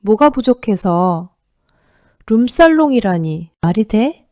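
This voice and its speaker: A woman's voice: medium pitch, very animated, slow pace, mellow, no echo, studio quality. A woman voicing an outraged young husband. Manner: demanding, outraged. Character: shocked, angry adult son and husband.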